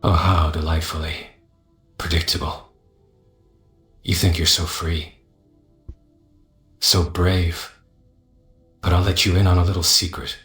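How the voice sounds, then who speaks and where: A man voicing a scheming, mocking mercenary companion in a fantasy game, sardonic and condescending, with drawn-out taunts. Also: low-pitched, flat delivery, fairly bright tone, reverberant, faint music behind.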